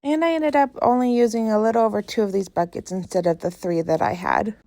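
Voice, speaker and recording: Talking fast in a mid-range, slightly mellow voice, a young American vlogger chats casually in her home kitchen. She sounds congested and keeps up a chatty, self-deprecating running commentary to herself as she works.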